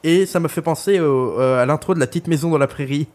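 A man's voice: fairly high pitch, quick pace, a little mellow. A young man co-hosting a podcast, chatting casually and crudely about an album, rambling with lots of fillers. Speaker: podcast co-host reviewing an album. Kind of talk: casual chat.

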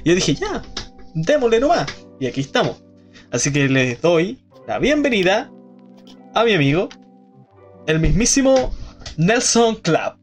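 A man's voice: high voice, big pitch swings, unhurried, long pauses, faint music behind. A young man from southern Chile with a Chilean accent, hosting a casual podcast chat, rambling with many fillers and restarts. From Aysén region, southern Chile. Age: young adult. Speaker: podcast host, student.

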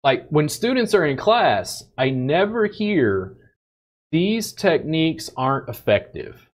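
A man hosting a casual podcast conversation, animated and blunt, swearing and acting out what other people say. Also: on the high side, slow. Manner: animated, swears, acts out quoted people in raised voice. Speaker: podcast host and bodywork teacher.

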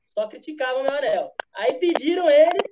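A man's voice: very high voice, animated, moderate pace, background noise. A man guest telling his own version of a story in a chatty, slightly sheepish way. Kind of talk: casual storytelling.

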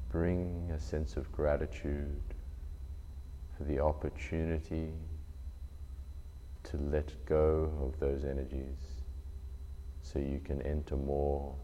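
A man leading a guided meditation in a soothing, unhurried delivery, leaving long pauses between short phrases. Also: rumbling low, little pitch movement, warm tone. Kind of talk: slow guided meditation narration. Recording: muffled lo-fi, faint noise.

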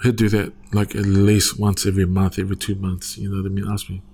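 The guest's voice is deep, husky, and a little mellow, delivered fast and in a monotone. In his forties, he rambles casually through his church story as a conversational testimony, frequently asking "you know what I mean?"

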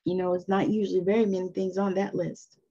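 A husky, mellow-toned woman in her fifties teaches an informal spiritual lesson, earnest and encouraging as she chats her way through it. Her voice has a gravelly texture, and the recording sounds dull and lo-fi. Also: lowish voice, level tone, fast talker. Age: 50s.

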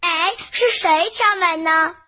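A performer voicing a cheeky little boy in a children's story, bright and demanding. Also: extremely high pitch, slow pace, background noise. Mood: curious.

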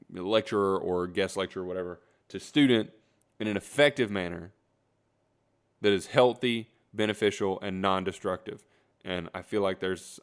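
Deep-voiced man ranting solo. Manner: rambling, self-correcting, self-deprecating. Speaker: podcast host. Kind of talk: solo rant, casual monologue.

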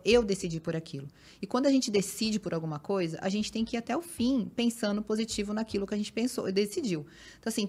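A woman who runs marathons and works as a fitness influencer, chatting as a podcast guest and telling stories with lively acted-out quotes. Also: medium pitch. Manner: animated storytelling, acts out quoted remarks, frequent "né" and "então, assim". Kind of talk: casual podcast conversation.

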